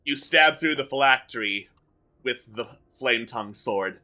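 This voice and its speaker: Male game master, mid-pitched with a sharp, very bright edge, narrating fantasy adventure off the cuff. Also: measured pace.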